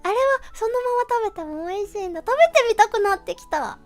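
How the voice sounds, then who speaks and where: Young female streamer, extremely high childlike pitch, cutesy and animated casual chat, faint music behind. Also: fast. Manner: cutesy, refers to self in third person; animated, giggly. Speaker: livestream host chatting with viewers. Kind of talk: casual livestream chat, reading out comments.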